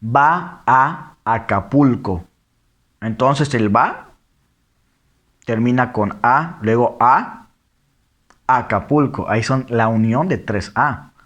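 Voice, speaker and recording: A man explaining diction errors in a lesson, reading example phrases slowly and then quickly. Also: medium pitch, a bit bright, highs cut off. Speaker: teacher. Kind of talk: lecture on diction.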